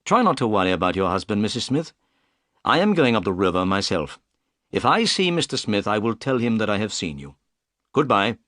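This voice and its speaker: A man reading the part of a calm, polite detective in a storybook, speaking firmly and briskly. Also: on the low side, no echo, studio quality. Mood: reassuring. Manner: firm, clipped, quick delivery.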